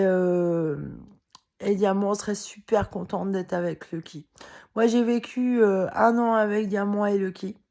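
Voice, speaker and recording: A worn-out woman speaks straight to her audience in a loose, rambling monologue. Her talk is heated and blunt, broken up with fillers, curses and short bursts of laughter, in a voice of ordinary middle pitch. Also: darkish tone. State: very tired. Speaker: vlogger. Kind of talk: casual spoken monologue to camera.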